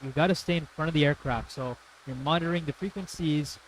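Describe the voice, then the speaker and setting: Friendly male co-host, slightly higher voice, easygoing chat, light noise behind. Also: fast talker, rough recording. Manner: friendly, reads viewer questions aloud, chatty. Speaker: live-stream co-host. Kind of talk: casual chat.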